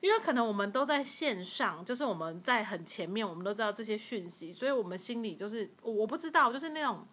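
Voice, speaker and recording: A woman with a Taiwanese Mandarin accent co-hosting a podcast in casual chat. She is expressive and laughs as she tells stories. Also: fairly high pitch, fast, few pauses, slightly rough. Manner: expressive, laughing, acts out quarrels. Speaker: podcast co-host.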